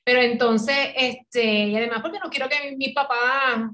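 A woman's voice: high voice, steady tone, normal speed, bright, forceful tone. A middle-aged woman with a Puerto Rican Spanish accent, a podcast guest telling her story in casual conversation, acting out quoted dialogue and laughing often.

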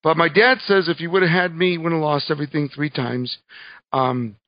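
Cuban-born guy telling his life story, kinda high voice, dry dull sound, lots of uhs. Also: steady tone, brisk, dry recording. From Cuba. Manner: earnest storytelling with fillers. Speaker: guest speaker.

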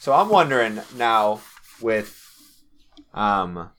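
A man's voice: fairly low pitch, sing-song, slow pace, fairly bright tone. A young man co-hosting a casual podcast, rambling enthusiastically about movies. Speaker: podcast co-host. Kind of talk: casual chat.

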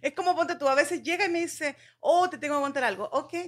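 A middle-aged woman with a Chilean accent, co-hosting a podcast in casual chat, talking fast and laughing often. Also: sits high, a bit bright. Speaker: podcast co-host.

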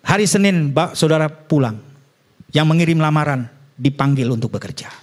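A middle-aged man preaching a sermon as a pastor, animated, with joking asides and rising exclamations to the congregation. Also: fairly high pitch, moderate pace. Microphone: addressing a congregation and viewers.

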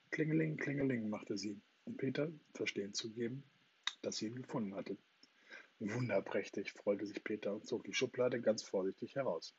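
A man with a husky voice narrating a children's story in a calm, even way, on a dull lo-fi recording. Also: fairly low pitch. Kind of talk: storybook reading.

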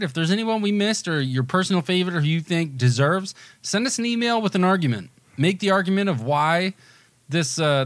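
A man's voice: fairly high pitch, no echo. A man co-hosting a podcast, rambling with enthusiasm in casual chat, often restarting his sentences. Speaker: podcast co-host.

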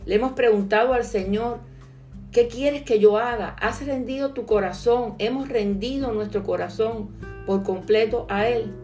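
A woman's voice: on the high side, normal speed, dark tone, soft background music. A woman giving an earnest devotional sermon, reading scripture and asking the listener direct questions. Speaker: preacher.

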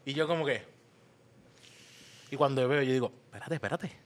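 A Puerto Rican man co-hosting a podcast, telling a funny story in a casual, animated way and acting out the voices. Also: mid-range voice, normal speed. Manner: animated, laughing, acts out voices in anecdotes. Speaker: podcast co-host.

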